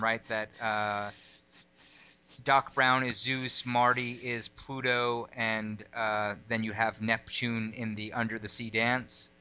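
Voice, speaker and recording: Bright, clear-voiced man in casual chat. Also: mid-range voice. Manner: rambling, digressive, lots of fillers. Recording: lo-fi audio.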